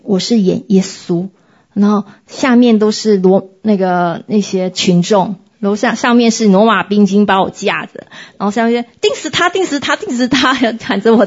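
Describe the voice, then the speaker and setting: A woman sharing a personal faith testimony in an earnest, reflective way, with many pauses and hesitations. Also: medium pitch, mellow, highs cut off. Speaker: church member sharing testimony.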